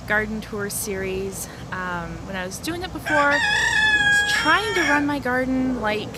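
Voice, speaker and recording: A woman chatting casually and informally to camera outdoors, rambling a little as she hosts a home gardening vlog. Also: a little high. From lives in the Arizona desert, US. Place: outdoors in a backyard garden and porch. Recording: noisy outdoor recording with ambient sounds. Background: rooster crowing, chickens, outdoor ambience.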